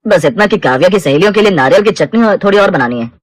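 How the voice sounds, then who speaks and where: A mild young husband in a cartoon story, played by a woman speaks in a deep voice at a brisk clip. He sounds easygoing and reasonable. The sound is close and dry. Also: animated, no echo.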